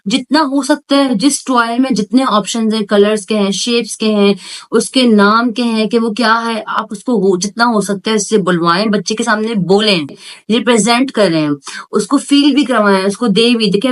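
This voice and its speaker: A woman's voice: a little high, normal speed. Woman explaining speech therapy tips. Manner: explains step by step in Hindi, mixing in English words; clear, teacherly, repeats key points. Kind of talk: parenting tips explained with toy demonstrations.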